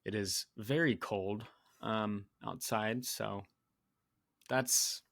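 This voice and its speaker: A young man co-hosts a casual podcast in a laid-back, unhurried way, often pausing on fillers. His voice sits a little low and sounds dry and close to the mic. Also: fairly even intonation, gravelly, a bit bright, dry recording. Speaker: podcast co-host. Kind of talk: casual banter.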